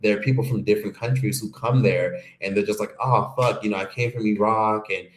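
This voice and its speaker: A man's voice: fairly low pitch, steady tone, fairly quick. A man from the United States hosting a stream, giving a casual, profane, rambling opinion monologue. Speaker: streamer host. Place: home streaming setup. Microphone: streaming microphone. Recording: echoey room.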